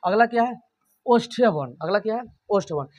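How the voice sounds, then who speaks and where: A man's voice: high voice, lively intonation, fast talker. A man teaching a grammar lesson. He keeps asking and answering his own questions and repeats every point.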